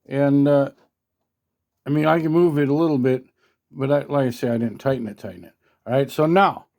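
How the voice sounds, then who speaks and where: A man with a mid-range, slightly mellow voice speaks briskly as he gives a casual hands-on product demo. He's a product reviewer and radio hobbyist, folksy, colloquial and mildly salty, filmed on a handheld phone at an indoor workbench.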